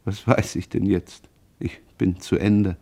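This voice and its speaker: A man voicing a grief-stricken mother who confesses, speaking in hushed, halting, heavy phrases. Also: deep voice, flat delivery, heavily acted. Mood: despairing.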